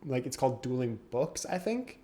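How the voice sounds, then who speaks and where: A young man co-hosting a podcast chats casually, laughs often, and explains game rules. His mid-range voice is very animated at a normal speed, against a noisy background.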